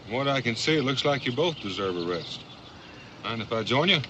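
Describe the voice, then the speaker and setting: Man as a quick-talking, folksy western frontiersman. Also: medium pitch, lively intonation, close to an everyday voice. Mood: gently probing. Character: easygoing, plain-spoken frontiersman. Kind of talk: 1960s television western acting. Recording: dull, noisy old TV soundtrack.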